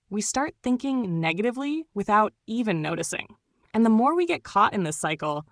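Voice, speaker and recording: A mindfulness host delivers a scripted explainer, measured and instructive, often asking rhetorical questions. Her voice is mid-range and the recording is dry.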